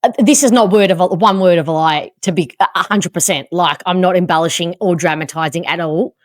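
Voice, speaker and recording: An Australian woman hosts a podcast and tells a mishap story with animated, self-mocking flair. Her voice sits slightly low for a woman. The sound is dry and close, with no room echo. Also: brisk. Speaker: podcast host. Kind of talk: casual chat, storytelling.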